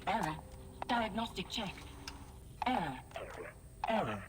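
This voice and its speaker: Glitching robot guardian. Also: female voice, mid-range voice, big pitch swings, slow. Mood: alarmed, glitching. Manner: clipped one- and two-word robotic status reports. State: glitching, repeating error reports. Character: malfunctioning female security construct, terse and glitching. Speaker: game character. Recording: game audio with loud noise and keyboard clicks.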